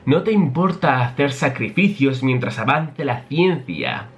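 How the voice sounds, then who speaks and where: A man's voice: mid-range voice, animated, a little slow, highs cut off. A man voicing a fierce young woman who angrily demands answers from a scientist. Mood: angry. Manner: angry, demanding.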